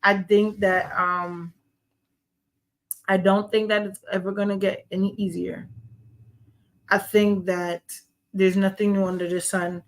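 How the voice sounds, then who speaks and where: A woman co-hosting a casual podcast, speaking slowly and reflectively with religious references. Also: mid-range voice, level tone. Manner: slow, reflective, religious talk. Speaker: podcast co-host. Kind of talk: casual chat.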